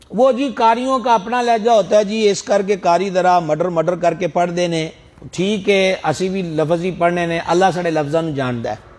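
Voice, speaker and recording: High-voiced Pakistani preacher with lilt. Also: male voice. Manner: explanatory, drawn-out demonstrations of Arabic sounds, rising emphatic questions. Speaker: Islamic preacher teaching prayer pronunciation. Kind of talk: religious lecture.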